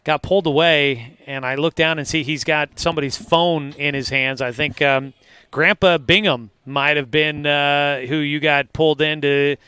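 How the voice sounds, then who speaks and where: A man announcing high school football on the radio, recapping the game from the press box with frequent fillers. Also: fairly even intonation, normal speed, pushed and bright, clear, resonant tone, dry recording. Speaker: play-by-play announcer. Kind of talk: radio sports commentary.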